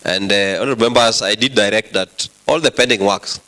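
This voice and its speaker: A man with a Kenyan accent presiding over an assembly, formal and directive, with halting delivery. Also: fairly low pitch, pushed and bright, rough recording. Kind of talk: formal parliamentary rulings. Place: assembly chamber.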